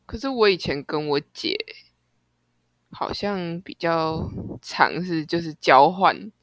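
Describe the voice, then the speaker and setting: A young woman from Taiwan, co-hosting a casual chat podcast, with calm, dry teasing remarks. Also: low voice, slow, no echo. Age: young adult. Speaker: podcast co-host.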